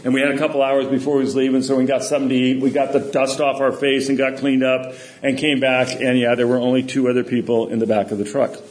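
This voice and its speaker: A middle-aged man giving a sermon, telling stories in a relaxed, conversational way. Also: medium pitch, fast talker, hardly any pauses. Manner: anecdotal, conversational storytelling. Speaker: preacher. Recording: echoey room.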